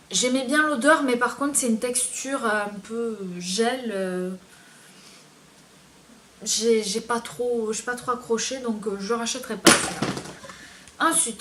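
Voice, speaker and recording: A woman's voice: a little high, fairly bright tone. A woman beauty vlogger reviewing her used-up products in a casual, hesitant way, with many fillers.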